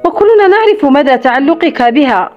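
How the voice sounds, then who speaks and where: A woman's voice: sits high, animated, fairly quick. A woman voicing a tense, guarded young heroine in an audiobook romance, reading her lines expressively. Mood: sharp. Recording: slightly dull recording with soft music.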